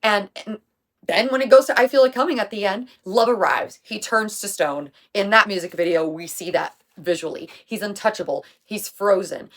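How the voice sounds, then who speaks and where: A young woman in her own casual commentary, breaking down an artist's albums. She talks in an emphatic, chatty way, full of slang and the odd swear, with a voice of middling pitch. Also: moderate pace, fairly bright tone. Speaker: music commentary creator. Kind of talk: casual video essay commentary.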